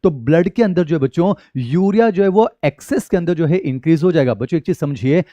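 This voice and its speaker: An Indian man delivers an exam-prep biology lecture in a mellow, slightly high voice. He keeps calling his students children as he blends Hindi and English terms. The sound is dry and close, with no room echo. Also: expressive, fairly quick, dull audio. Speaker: biology teacher.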